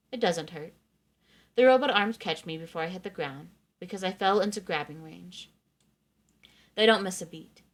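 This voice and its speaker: Expressive woman narrating a novel. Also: fairly low pitch. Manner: expressive reading, acting out the narrator's thoughts. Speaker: streamer reading a novel aloud. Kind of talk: first-person novel narration.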